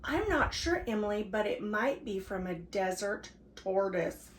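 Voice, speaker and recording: A woman's voice: medium pitch, lively intonation, a little slow, close to an everyday voice. A woman reading a storybook aloud and voicing the father of the family, careful and a little unsure. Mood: curious. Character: a dad on a desert hike, curious. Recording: roomy echo, faint background hiss.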